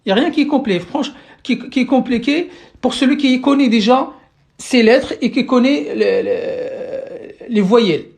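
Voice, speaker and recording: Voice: medium pitch, normal speed, creaky, darkish tone. A language teacher giving a live-streamed lesson, patiently explaining step by step and checking in with viewers, often restarting and repeating words. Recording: roomy sound from away from the mic.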